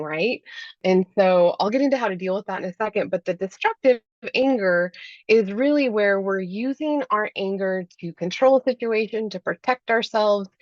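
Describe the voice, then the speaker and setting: A woman's voice: medium pitch, no echo, muffled recording. A woman life coach talking as a podcast guest in a chatty way, often adding "like" and "right?". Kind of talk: podcast interview.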